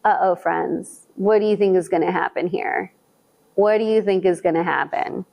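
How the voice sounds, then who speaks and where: At a library storytime, a woman reads a picture book aloud to young children, pausing to ask them questions. Her voice sits fairly low with vocal fry, and she speaks slowly and animatedly. The recording sounds lo-fi.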